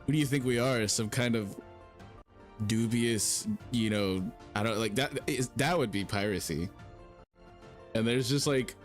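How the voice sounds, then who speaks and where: A man improvising and narrating casually in a tabletop role-playing game, in a rambling, halting, slangy way. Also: medium pitch. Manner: rambling, halting, slangy, calls people brother. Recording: music playing behind the voice. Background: music.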